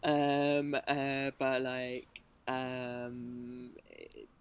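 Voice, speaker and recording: A woman's voice: rumbling low, level tone, very slow, smooth, muffled recording. A woman, a motorsport journalist, chatting as a podcast guest in a rambling, hesitant way with many restarts. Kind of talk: casual podcast chat.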